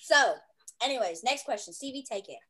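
A woman with a high-pitched voice and a Southern American accent hosts a casual chat. She speaks emphatically, in loose, unguarded everyday phrasing. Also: lively intonation, a little fast, bright, forceful tone. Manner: emphatic, swearing freely. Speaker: host.

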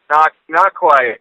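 A man in his late twenties, talking through his cell phone on speakerphone as a podcast co-host in casual, rambling chat with halting restarts and casual swearing. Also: fairly high pitch, pushed and bright, dry recording, rough recording. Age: late 20s. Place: in a car.

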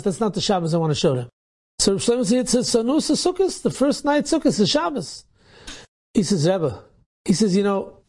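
A man, a rabbi, telling an inspirational story and acting out the dialogue with energy. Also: sits high. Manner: animated, acts out dialogue in quotes.

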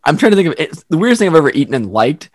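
A man's voice: fairly high pitch, racing, no echo, clean studio sound. A young man co-hosting a podcast, chatting casually and laughing often as he tells stories. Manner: laughs often, animated storytelling. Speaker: podcast co-host. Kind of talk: casual chat.

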